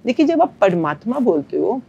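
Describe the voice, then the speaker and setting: A woman's voice: mid-range voice, sing-song, normal speed, creaky, mellow, slightly rough, dull audio. A woman, a manifestation coach, speaking as a podcast guest and explaining ideas in an earnest, teacherly way with everyday analogies. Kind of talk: spiritual podcast conversation.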